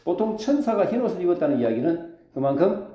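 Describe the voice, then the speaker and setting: Animated pastor preaching in echoey hall. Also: male voice, high-pitched, quick pace, muffled recording. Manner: lively preaching with call-and-response questions. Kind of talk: sermon. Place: church sanctuary.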